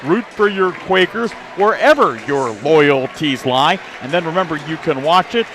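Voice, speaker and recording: Animated and fairly high-pitched, a man hosts live pregame coverage and sponsor reads for local sports radio inside a high school basketball gymnasium. His somewhat bright, announcer-like voice moves at a moderate pace, with slight background noise from the busy crowd and bouncing balls.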